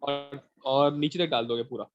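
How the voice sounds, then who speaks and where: A man's voice: medium pitch, steady tone, moderate pace, faint music behind. A man explaining a computer task over a voice call, patiently going step by step and checking that the listener is following. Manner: patient, repeats checks for understanding. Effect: heard over a voice call. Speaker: instructor. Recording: dull, lo-fi call audio.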